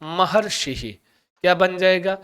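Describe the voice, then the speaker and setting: A man teaching an exam-prep grammar lesson in a high, clear, smooth voice. He keeps asking the class questions, answers them himself, and repeats the key sounds over and over. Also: slow pace, a bit bright.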